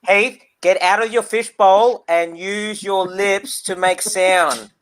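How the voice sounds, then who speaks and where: A man's voice: high-pitched, slow pace, fairly bright tone, smooth. A man joking and teasing in casual chat with friends on an online call.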